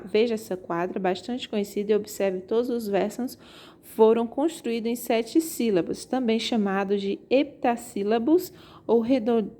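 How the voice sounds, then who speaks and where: Higher-voiced woman teaching a literature class. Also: darkish tone. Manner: explains slowly, checks in with "tá certo?"; reads verses aloud slowly. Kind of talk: remote class lesson.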